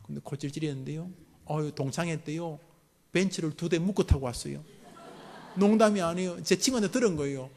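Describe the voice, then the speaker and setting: A man's voice: on the high side, brisk, gravelly. A middle-aged man, a pastor giving a sermon to a mothers' prayer meeting, joking and acting out scolding parents. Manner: lively, jokes with the congregation and acts out parents' scolding.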